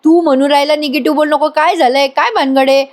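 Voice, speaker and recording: A woman's voice: high voice, fairly even intonation, fast talker, voice pushed up, close to an everyday voice. A woman voicing a brash young village man who talks bossy and teasing, retelling a TV serial scene.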